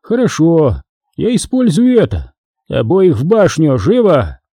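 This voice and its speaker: A cruel, imperious Sith lord barks orders with cold arrogance, voiced by a male audiobook reader. His voice sits a little raised, with a husky grain. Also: fairly high pitch, huge pitch swings, a little slow, mellow, no room sound, studio quality, pitched above the performer's own voice, exaggerated voice. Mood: commanding. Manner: imperious, commanding.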